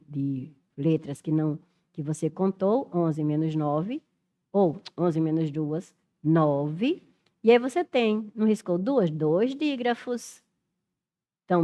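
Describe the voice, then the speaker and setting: A woman's voice: on the low side, darkish tone, highs cut off. A middle-aged Brazilian woman teaching Portuguese for an exam, thinking aloud and spelling letters out as she works through questions. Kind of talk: exam-prep lesson, working through questions.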